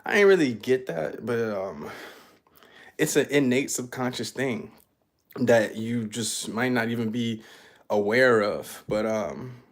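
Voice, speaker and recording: A man's voice: medium pitch, takes it slowly. A young man musing aloud in a casual, reflective monologue, loose and full of fillers. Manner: laid-back, loose, full of fillers like "you know what I'm saying". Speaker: artist talking about his life.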